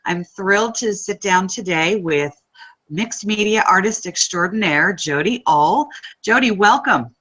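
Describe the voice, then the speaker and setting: Woman interviewer, enthusiastic, crisp bright tone. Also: mid-range voice, expressive, a little slow, rough recording. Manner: enthusiastic, gushing. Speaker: interview host. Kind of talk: interview hosting.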